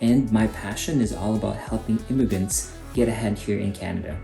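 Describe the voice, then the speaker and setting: A calm, middle-aged Filipino man from the Philippines, whose first language is Cebuano, hosts a YouTube channel as an HR coach and delivers scripted advice to the camera in a Filipino accent. His voice is on the low side, slightly fast and creaky. The room echoes, with faint guitar music in the background.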